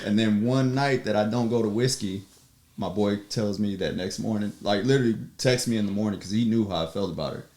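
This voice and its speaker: A man chatting as a podcast guest, telling a personal story in an animated way, acting out quotes and laughing often. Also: lowish voice, fairly quick. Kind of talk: casual storytelling chat.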